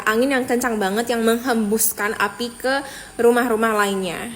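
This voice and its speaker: A woman's voice: a little high, slight background noise. A woman narrating a video in a chatty, sympathetic way, speaking straight to the viewer. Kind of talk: informal narrated video commentary.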